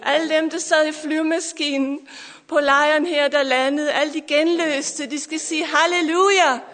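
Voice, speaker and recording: A middle-aged woman preaching with fervent emotion, her voice very high and bright. Her words ring out through a long hall reverb, and her voice at times breaks with tears between hallelujahs. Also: steady tone. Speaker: preacher giving testimony. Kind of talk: emotional Pentecostal sermon. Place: church or camp meeting hall.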